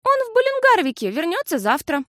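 A mischievous little girl from a storybook, chattering in a very high, bouncy voice full of tease, as a woman puts her on. Her pitch leaps about, and the sound is close and dry. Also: very animated, no echo, heavily acted. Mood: cheeky. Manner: bright, fast, teasing chatter.

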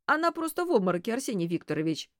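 A woman voicing a gruff, reproachful man from a crowd. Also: fairly high pitch, very animated, racing, fairly bright tone, no echo, studio quality, pitched above the performer's own voice. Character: bass-voiced man in a crowd.

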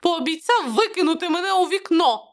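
A woman's voice: animated, a little fast. A woman voicing a small, plump, pushy male reporter who whines and squeals. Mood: wheedling. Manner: shrill, squealing.

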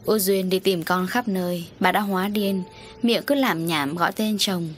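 A woman narrating a village ghost story in a steady, dramatic reading. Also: medium pitch, moderate pace, faint music behind. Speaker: audiobook narrator.

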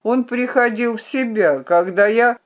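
A reader voicing a hoarse whining tramp. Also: male voice, extremely high pitch, measured pace, muffled recording, voice pushed up. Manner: whining, pleading. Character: scruffy frightened male tramp, hoarse and whining.

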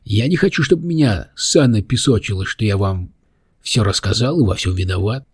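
A man voicing a small, mischievous male demon who talks in a high, squeaky, excitable way in an audiobook. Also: normal speed, husky, no room sound, clean studio sound. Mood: teasing.

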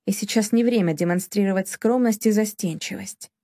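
A woman's voice: mid-range voice, moderate pace, mellow, no echo, clean studio sound, lightly acted. A woman reading the part of a furious, scornful young husband who speaks harshly and commandingly. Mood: гневно.

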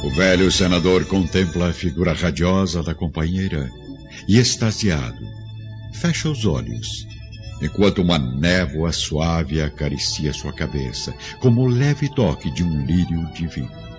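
A male narrator with a very deep voice tells a devotional radio drama very slowly and solemnly, though with lively intonation. A clear orchestral score plays faintly under him. The sound is slightly muffled.

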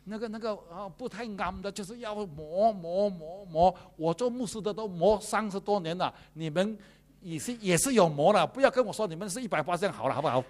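A man, a pastor preaching a sermon in a lively, joking way. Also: high-pitched, brisk.

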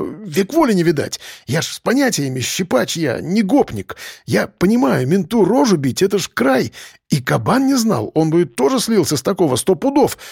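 A man's voice: high voice, vocal fry, a little mellow, breathy edge, dry recording, clean studio sound, pitched above the performer's own voice, exaggerated voice. A man voicing a frightened petty pickpocket who whines and pleads in street slang. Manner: whining, pleading, criminal slang.

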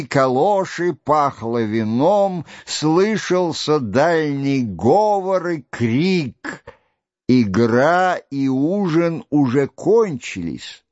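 A man reading a classic novel aloud in slow, measured literary narration. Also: dry recording, lo-fi sound. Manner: slow, measured reading, voicing quoted shouts louder and higher. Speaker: audiobook reader.

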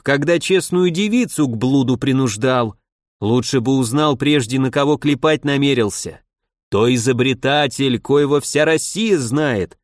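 A man's voice: a little high, no room sound, studio quality, lightly acted. A man voicing a stern, imperious police chief who scolds and commands, in an audiobook reading.

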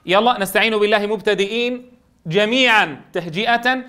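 A man who trains Quran teachers. He spells words out slowly, syllable by syllable, and checks with his students. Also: high-pitched, a bit bright. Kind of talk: online lesson on spelling and recitation.

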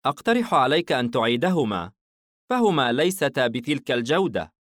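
A man's voice: mid-range voice, very animated, brisk, fairly bright tone, no room sound, clean studio sound, voice pushed up. A man voicing a small, shy and polite young woman who helps in a shop, timid and anxious.

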